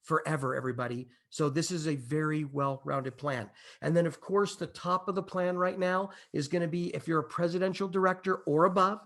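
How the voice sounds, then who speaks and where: A man pitching a business opportunity, his voice sitting high for a man with a gravelly, creaky edge. He talks in an emphatic, excitable way, building hype and checking in with his listeners again and again. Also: a little fast, hardly any pauses. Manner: repeats "okay?" and "imagine this" to the audience. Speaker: company presenter.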